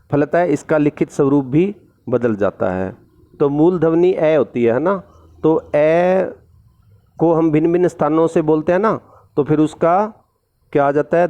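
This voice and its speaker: Man, teacher, mellow voice, classroom lesson, formal reading then simple explanation, asks the listeners questions. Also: a little high, lo-fi sound. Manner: reads formal text, then explains it in simple chatty words with tag questions.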